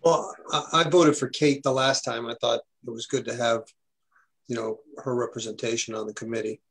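A man with a husky voice speaks at a town board meeting. He lays out his view in a measured, deliberate way. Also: medium pitch, steady tone, fairly bright tone, poor audio. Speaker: board member. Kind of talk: public meeting discussion.

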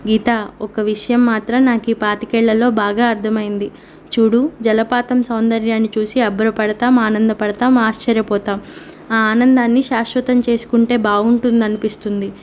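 Woman reading middle-aged husband, wry and bitter, sardonic, flat delivery. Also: a little high, moderate pace, slight background noise, close to an everyday voice.

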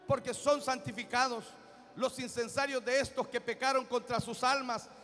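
A man preaching a sermon as pastor, reading scripture and breaking into shouted exhortations. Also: extremely high pitch, fairly even intonation, normal speed. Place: church. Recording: hall reverb with faint music.

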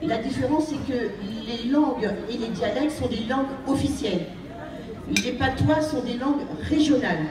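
Speaking at normal speed in a high-sitting voice, a guest speaker from France urges on a banquet hall audience with an earnest, exhorting speech and repeats her phrases for emphasis. The hall is echoey, the mic distant, and crowd noise is audible.

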